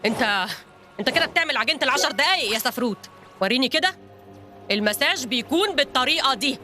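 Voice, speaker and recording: A jumpy, excitable coach from a children's audio drama, voiced by a woman, high and bright, with lively swoops. Talks fast and stammers whenever fear takes over. Light music plays underneath. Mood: explaining. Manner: excitable, faints and stammers in panic. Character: jittery coach Captain Saaq, panics at cramps.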